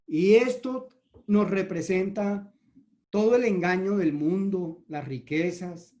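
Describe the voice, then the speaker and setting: A man's voice: high voice, takes it slowly, a little mellow. A man preaching a sermon, telling a parable and speaking directly to the congregation. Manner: storytelling, addressing the congregation directly.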